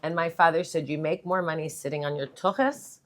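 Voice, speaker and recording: A woman on a finance panel, an animated storyteller who jumps in to add points. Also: low-pitched, brisk. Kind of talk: panel discussion.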